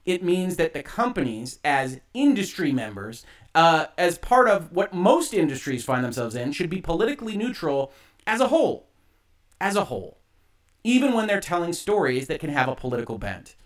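Guy ranting about an article on a livestream, kinda high voice, audio echoing a lot. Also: sing-song. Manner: argumentative, emphatic, with pointed pauses. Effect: echoing on the stream audio. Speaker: host of a games and law commentary show. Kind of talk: commentary on a written article, read aloud and rebutted.

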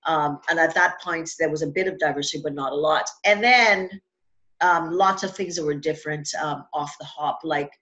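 A woman's voice: sits low, normal speed, a bit bright, muffled recording. Chatty woman hosting an interview. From Trinidad and Tobago. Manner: chatty, many fillers and restarts. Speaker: podcast host. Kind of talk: casual interview chat.

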